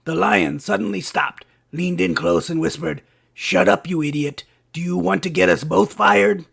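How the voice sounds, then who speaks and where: A man's voice: high-pitched, moderate pace, a bit bright, full character voice. A man voicing a scruffy cartoon bat who hosts a late-night comedy show, delivering jokes in a punchy way and switching voices between the characters in them. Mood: cheeky. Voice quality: gravelly, husky. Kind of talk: cartoon stand-up joke telling.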